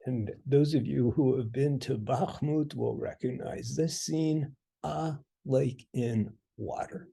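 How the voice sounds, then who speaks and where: A man narrating a scripted language lesson with dry, deadpan humor. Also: medium pitch, slow pace, vocal fry, hardly any pauses, breathy edge. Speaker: language teacher.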